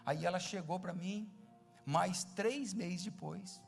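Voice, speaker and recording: High-voiced preacher telling stories. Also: male voice, takes it slowly, vocal fry, long reverb tail, faint music behind. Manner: emphatic storytelling, swings from loud to hushed. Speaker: pastor. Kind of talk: sermon.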